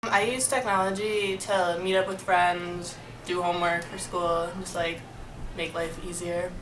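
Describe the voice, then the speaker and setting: A woman's voice: fairly low pitch, flat delivery, unhurried, fairly bright tone. Casual teenage woman student, noisy room. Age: late teens. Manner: casual, uses like. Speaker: college student. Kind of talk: interview answers. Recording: echoey room, distant mic, clear background noise.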